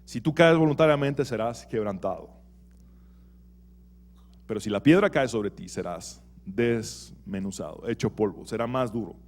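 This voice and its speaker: A man preaching a sermon in a church as pastor, animated, swinging between loud and soft and asking rhetorical questions. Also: fairly low pitch, measured pace.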